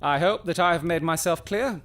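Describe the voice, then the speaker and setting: An actor playing Sherlock Holmes as a shrewd, confident gentleman detective, precise and theatrical in an audio drama. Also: a little high, moderate pace. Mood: commanding, precise. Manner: precise, instructing, theatrical delivery.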